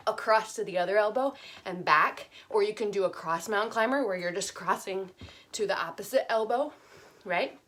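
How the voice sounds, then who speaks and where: A woman's voice: mid-range voice, a bit bright. A young woman instructor casually talking through core exercises while doing them, slightly out of breath, with lots of fillers. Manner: chatty, many fillers, counts aloud while demonstrating. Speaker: fitness instructor.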